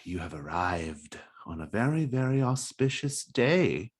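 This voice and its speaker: A man playing a gruff, sly old fisherman in a tabletop game, questioning strangers in a knowing, needling way. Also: lowish voice, big pitch swings, measured pace, pitched above the performer's own voice, heavily acted. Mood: sly, menacing.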